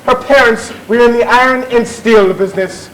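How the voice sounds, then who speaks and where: A man's voice: extremely high pitch, moderate pace, fairly bright tone. An actor playing a bossy, theatrical Victorian music hall chairman, declaiming and bantering with the audience on stage. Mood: pompous, jovial. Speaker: master of ceremonies. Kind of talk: comic stage musical narration. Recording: noisy live theatre audience recording.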